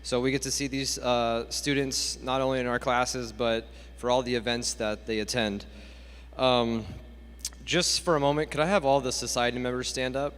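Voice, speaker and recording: A man's voice: mid-range voice, fairly even intonation, moderate pace, a bit bright, smooth. A man, a professor, giving friendly, casual remarks at a ceremony. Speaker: professor and society co-advisor. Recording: long hall reverb.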